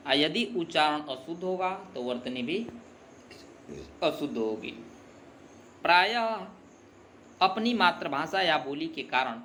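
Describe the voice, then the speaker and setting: A man teaching a Hindi grammar lesson, dictating words slowly and deliberately one at a time. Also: fairly high pitch, sharp tone, slight background noise.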